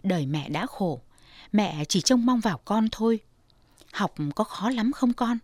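A woman voicing a weary, hardworking mother in her forties who speaks low and tenderly. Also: animated, a little slow, a little mellow, no echo.

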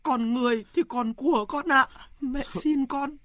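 A woman's voice: high voice, unhurried, fairly bright tone, no room sound. An actress playing an anxious rural mother who pleads with her grown son in a radio drama. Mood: pleading. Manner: pleading, emotional.

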